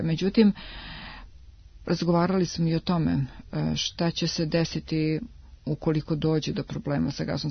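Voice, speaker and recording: Woman guest on a radio interview, gravelly voice, dry and muffled lo-fi sound, steady explaining with little "e" pauses. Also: sits low, dry recording. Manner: measured, explanatory, pauses on drawn-out "e". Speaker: industry association adviser, radio guest. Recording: dull lo-fi radio broadcast.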